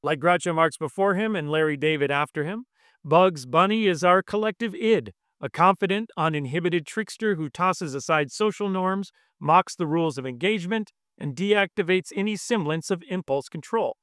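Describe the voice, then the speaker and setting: Give me a smooth, crisp podcast host, a man. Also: sits high, normal speed, fairly bright tone, dry recording, studio quality. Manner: smooth, reading from a script. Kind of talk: scripted podcast introduction.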